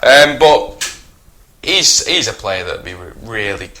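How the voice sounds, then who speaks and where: A man co-hosting a football chat channel. His voice sounds bright and forceful. He talks casually and jokes and needles his co-host between his opinions. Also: fairly low pitch, expressive, slow, slight background noise. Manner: joking, banters and teases his co-host.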